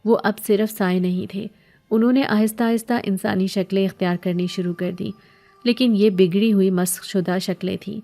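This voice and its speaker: Woman telling a dark horror story. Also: medium pitch, steady tone. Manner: tense first-person telling, pleading and frightened in her own lines. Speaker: narrator. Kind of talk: scripted horror narration.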